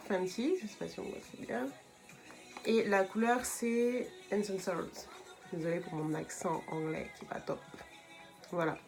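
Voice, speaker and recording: A young woman hosting a casual makeup tutorial vlog, chatting and explaining each step with frequent fillers. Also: on the low side. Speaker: beauty vlogger.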